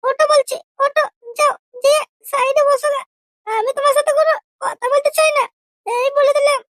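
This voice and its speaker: A voice actor playing a prim, touchy young girlfriend in a comedy cartoon, with a very high, squeaky voice and an indignant way of talking. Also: fairly even intonation, a bit bright, dry recording, studio quality. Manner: indignant, quick to take offense.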